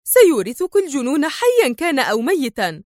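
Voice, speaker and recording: A woman voicing a clever female spy in disguise who talks in a calm, sly and sarcastic way. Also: fairly high pitch, fairly quick, no room sound, clean studio sound. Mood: sharp mocking.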